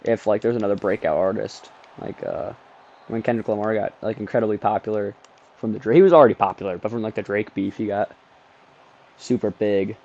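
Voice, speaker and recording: A man's voice: lowish voice, fairly quick, highs cut off. Rambling young male gaming streamer. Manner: rambling, excitable play-by-play with frequent ums. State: sleepy, yawning. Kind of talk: casual gameplay commentary. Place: bedroom.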